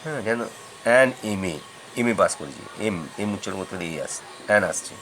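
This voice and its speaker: A man whose first language is Bengali explains English grammar with a fairly low voice. He goes over each example twice and stops to ask whether it is clear. A faint hum of ambience sits under the recording. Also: lively intonation, moderate pace. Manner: patient, repeats examples, asks checking questions.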